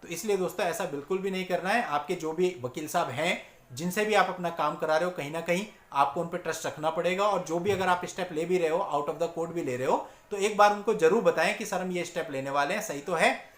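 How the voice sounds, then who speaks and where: A man with a high-pitched voice lectures like a lawyer handing out hard advice. He sounds preachy and direct and calls the viewers his friends. The room gives his voice a roomy echo. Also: fairly quick. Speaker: lawyer giving legal advice. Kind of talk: direct-to-camera advice talk.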